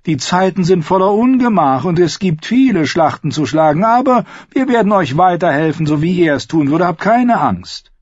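A man's voice: sits high, animated, normal speed, hardly any pauses, husky, no room sound, voice pushed up. A man voicing a falsely courteous, cruel outlaw singer in an audiobook reading. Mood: mock politeness. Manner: courteous and mocking. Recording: dull lo-fi recording.

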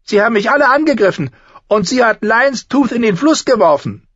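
A man voicing a spoiled, whining boy prince who shouts his accusations shrilly. The recording sounds slightly dull. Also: very high-pitched, lively intonation, fairly quick, no room sound, pitched above the performer's own voice, full character voice. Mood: petulant.

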